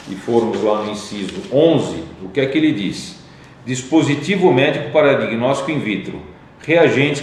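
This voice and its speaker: A man's voice: mid-range voice, a little mellow, slight background noise. A man with a Brazilian Portuguese accent, a company executive explaining regulations methodically, step by step. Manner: methodical, explains legal text step by step with fillers. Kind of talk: explanatory talk. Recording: very echoey room.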